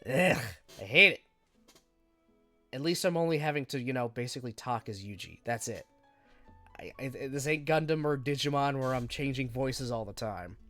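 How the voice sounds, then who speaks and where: Casual, rambling, and self-deprecating, this game streamer speaks at medium pitch and moderate pace despite a stuffy nose and a cough that won't quit. By his own account his voice is monotone, and soft music plays in the background.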